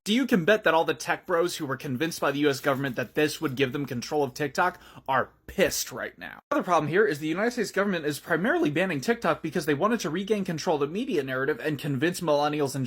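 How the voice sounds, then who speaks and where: A man giving brisk, sardonic commentary on a news story. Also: fairly high pitch, fairly bright tone, breathy edge.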